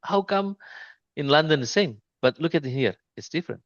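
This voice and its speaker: A man giving an informal screen-share trading lesson, speaking haltingly with many restarts and repeated pointers to the chart. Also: fairly high pitch, expressive, no room sound, dull audio. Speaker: trading mentor.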